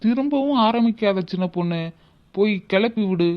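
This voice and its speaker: A man playing a gentle father, soothing his daughter and gently chiding his wife. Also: high voice, animated, normal speed, dull audio.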